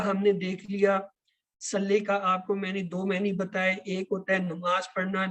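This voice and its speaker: A man's voice: high voice, a bit bright, low-quality recording. A man teaching an online Quran class, explaining words and asking the class questions. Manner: explains and asks questions, repeats key words.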